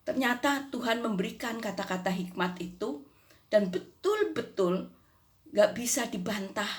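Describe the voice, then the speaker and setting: A woman's voice: a little high, lively intonation, measured pace. An older woman giving a personal faith testimony in a conversational way, with frequent tag questions. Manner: conversational, frequent "gitu ya" tags, acts out dialogue.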